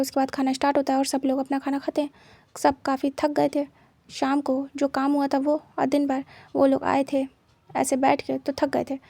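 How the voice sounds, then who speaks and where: A woman narrating a fan story in a steady, plain retelling manner. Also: high-pitched, no echo.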